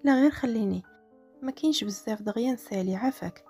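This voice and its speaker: A woman voicing a tired young man with a Moroccan accent who speaks softly, close to a whisper. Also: a little high, quick pace, faint music behind, natural voice. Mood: calm.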